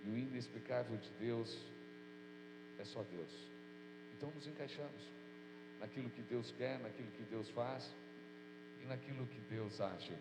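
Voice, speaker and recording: With a medium-pitched voice and a measured pace, this pastor pauses often during his prayer and sermon. He's earnest and informal, though nasal and stuffy from a cold. The church hall echoes, and a mains hum runs beneath.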